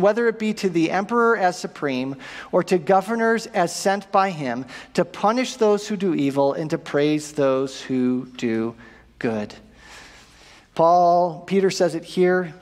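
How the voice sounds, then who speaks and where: A man in his thirties preaching a sermon from a church stage, animated and asking the congregation rhetorical questions. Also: high-pitched. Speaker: pastor. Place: church auditorium stage with audience. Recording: long reverb of a church hall.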